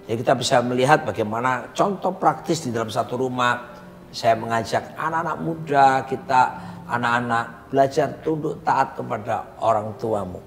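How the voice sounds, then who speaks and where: A male pastor teaching in a conversational sermon style, preaching emphatically with his co-host. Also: medium pitch. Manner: emphatic preacher, repeats partner's phrases. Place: coffee lounge. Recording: roomy reverb with faint background hum.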